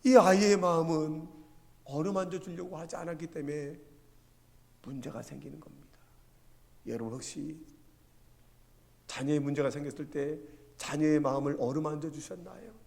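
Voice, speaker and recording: A man's voice: a little high, fairly even intonation, moderate pace, vocal fry, long pauses, darkish tone. A male pastor preaching a sermon, telling stories and asking the congregation rhetorical questions. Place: church sanctuary. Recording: long church reverb.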